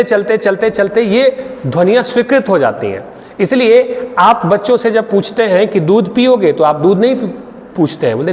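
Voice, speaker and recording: A man's voice: high voice, in a large hall. A man from Bihar lecturing, explaining to students and checking often that they follow. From Bihar, India. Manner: explains with frequent checks and tag questions. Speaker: Hindi literature teacher. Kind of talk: online exam-prep lecture.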